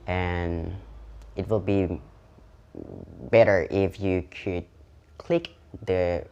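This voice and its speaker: Slow, low-voiced man teaching pronunciation. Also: steady tone, darkish tone, highs cut off, a little hiss or hum. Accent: Lao. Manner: repeats each word slowly and clearly; switches to slow deliberate English at the sign-off. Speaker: English teacher. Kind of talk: pronunciation lesson.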